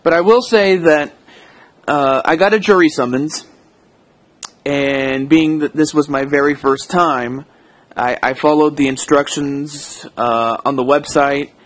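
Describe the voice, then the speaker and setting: An American man records an unscripted personal audio log, speaking in a slightly high voice. He talks slowly and hesitantly, rambling and backtracking to correct his own wording. The recording is dry, with almost no room echo.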